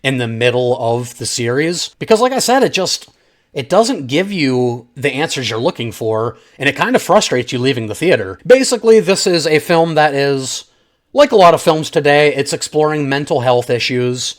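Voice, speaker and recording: This channel host reviews films in a mid-range, very animated voice at a moderate pace. He speaks informally and opinionatedly, straight to the camera, tossing in slang and calling viewers "guys."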